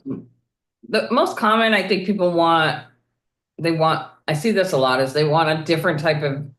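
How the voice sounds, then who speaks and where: A woman's voice: deep voice, moderate pace, fairly bright tone. A woman who creates cruise videos, chatting casually as a guest, with many filler words. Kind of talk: casual chat. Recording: echoey room.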